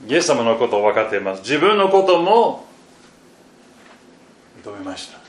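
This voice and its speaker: A man preaching a sermon and reading scripture, halting and restarting, with phrases that often fade very quietly at the end. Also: mid-range voice, big pitch swings. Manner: slow and halting, with repeated fillers and restarts. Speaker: pastor. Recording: echoey room, faint background noise.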